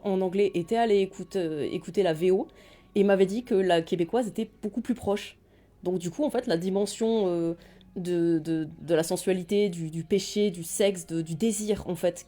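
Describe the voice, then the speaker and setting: A woman's voice: fairly low pitch, dark tone. A woman on a podcast panel, talking in a rambling way with many restarts and fillers. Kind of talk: casual debate chat.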